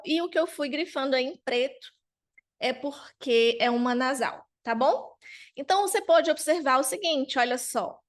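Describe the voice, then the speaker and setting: A woman teaching French pronunciation patiently, checking in often with her students and drawing out model sounds slowly. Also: on the high side. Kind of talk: online language lesson.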